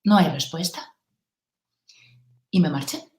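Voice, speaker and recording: A woman's voice: low-pitched, slow. A woman, a guest telling a story in an interview and acting out the dialogue as she goes. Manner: lively storyteller who acts out dialogue. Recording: roomy echo.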